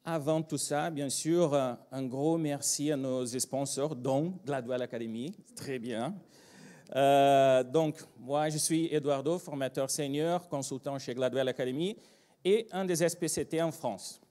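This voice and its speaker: Slow Brazilian man giving a talk. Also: mid-range voice, mellow. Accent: Brazilian Portuguese. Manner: hesitant, many fillers and restarts, joking. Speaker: agile trainer and consultant. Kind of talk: conference talk. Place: conference room with live audience.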